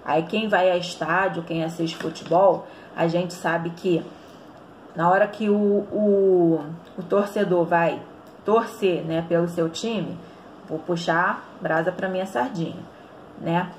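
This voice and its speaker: A woman's voice: lowish voice, steady tone, takes it slowly, slight background noise. A woman with a Brazilian Portuguese accent teaching an online grammar lesson, explaining step by step and often checking in with the students.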